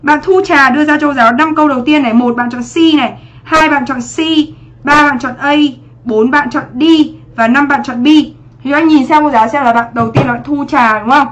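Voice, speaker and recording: A woman's voice: high voice, fairly even intonation, a little fast, fairly bright tone, highs cut off. A young woman teaching English on a livestream exam review, chatty and checking in with her students often.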